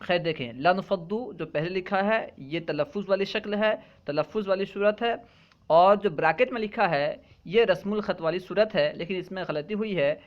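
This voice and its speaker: A man teaching a lesson in a patient, explanatory way, often checking in with his students. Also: high voice. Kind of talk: classroom lecture. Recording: dull lo-fi recording.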